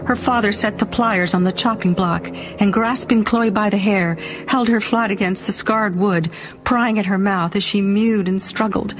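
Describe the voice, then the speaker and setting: Woman, audiobook narration, dramatic, expressive, mid pitch, faint music behind. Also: normal speed.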